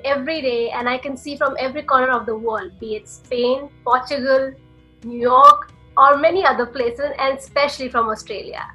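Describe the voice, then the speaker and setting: A woman with a high, bright voice hosts a podcast interview and talks her guest up with eager, gushing warmth. She speaks with a ringing, forward tone over faint background music. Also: rough recording. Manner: enthusiastic, effusive introductions. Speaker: podcast host.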